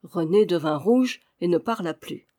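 Measured audiobook narrator. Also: medium pitch, expressive, dark tone. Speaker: audiobook reader. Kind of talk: scripted narration.

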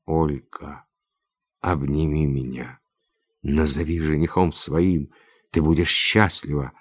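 A man's voice: very deep voice, breathy edge, dry recording, heavily acted. A man reading aloud, playing a domineering general who presses his suit insistently in a storybook tale. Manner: insistent, wheedling then commanding. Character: domineering older general, pushy suitor.

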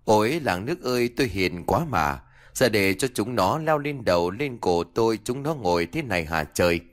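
Man doing a domineering old village woman in a spoken ghost story, scolding and taunting in a low voice that swings widely in pitch, a cruel schemer lording it over the poor. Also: lively intonation, normal speed, lightly acted.

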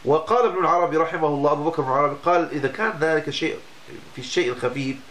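A man's voice: a little high, racing, a bit bright. A man, a religious teacher giving a lesson on Islamic law, explaining patiently and often breaking off to restart a word. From Morocco.

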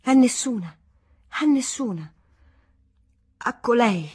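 A woman's voice: fairly high pitch, lively intonation, slow pace, a little mellow, husky, pitched above the performer's own voice, full character voice. Anxious pleading young wife, read by a woman. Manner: imploring, anxious.

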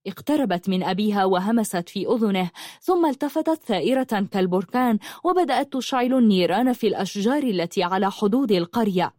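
A woman reading a novel aloud in steady, dramatic storytelling narration. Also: medium pitch, fast talker, dry recording, studio quality. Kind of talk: audiobook narration.

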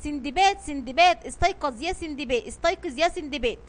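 A woman voicing a nervous, quick-tempered male companion who speaks urgently. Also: high-pitched, lively intonation. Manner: urgent, tense.

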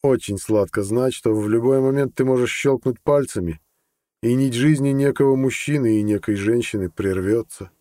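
Man narrating a fantasy audiobook, dark tone. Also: medium pitch, normal speed, no echo, clean studio sound. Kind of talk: scripted narration.

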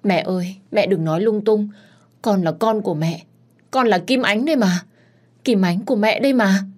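A woman voicing a pushy young daughter who shouts and scolds. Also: mid-range voice, moderate pace, voice pushed up, natural voice. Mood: pleading.

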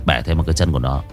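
A man's voice: a bass voice, voice pushed down, exaggerated voice. A man voicing a cruel gang boss who taunts his victim with contempt.

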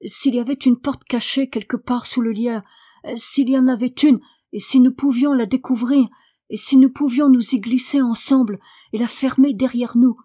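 A woman's voice: on the high side, steady tone, moderate pace, warm tone, voice pushed up, natural voice. A woman reading an audiobook voices an anxious young girl who pleads breathlessly. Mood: pleading.

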